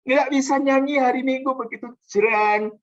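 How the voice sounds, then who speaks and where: A man preaching a sermon as a pastor, emphatic, swinging between loud, high outbursts and hushed, low passages, often calling the listeners "saudara". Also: fairly even intonation, moderate pace, muffled recording.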